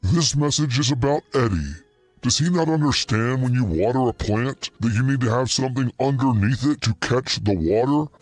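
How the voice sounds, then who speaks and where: A man giving an anonymous, mocking, scolding complaint through a voice changer that shifts his pitch. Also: no room sound. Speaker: anonymous tipster on a radio show. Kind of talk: prerecorded complaint message.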